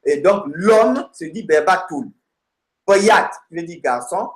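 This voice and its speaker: Slow, halting male teacher in an echoey room. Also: on the high side, lively intonation. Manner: halting, many fillers and repeated words while searching pages; spells out word endings slowly, addressing the student as tu. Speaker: language teacher. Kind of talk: recorded lesson, talking through a textbook.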